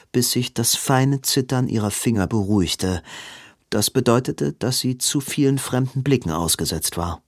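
Reading a novel from script, this audiobook narrator speaks in a mid-range voice with calm, evenly paced delivery. The sound is clean studio audio with no echo.

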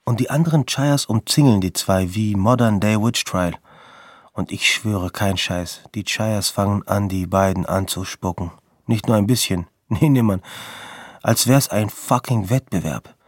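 A man's voice: on the low side, measured pace, husky, no echo, studio quality. A young man telling a string of raw, slang-heavy stories in short episodes, blunt and direct. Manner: blunt, street-slang narration with quoted outbursts. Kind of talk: storytelling monologue in vignettes.

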